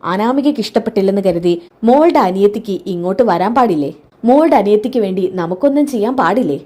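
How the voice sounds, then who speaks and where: A woman voicing an old grandfather who speaks gently yet firmly to his granddaughter, in a serial recap. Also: medium pitch, expressive, quick pace, close to an everyday voice. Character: kindly but firm old grandfather.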